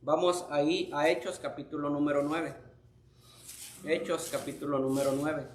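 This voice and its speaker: A man's voice: a little high, level tone, normal speed, a little hiss or hum. A man teaching a church Bible lesson, speaking emphatically and addressing the class as brothers. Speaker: Sunday school teacher. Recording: roomy echo.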